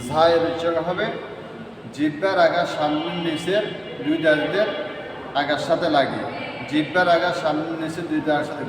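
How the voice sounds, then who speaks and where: A man's voice: a little high, moderate pace, pauses often, background noise. A man teaching Quran letter pronunciation in a lesson. He goes step by step and repeats each letter three times. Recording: echoey hall from far off.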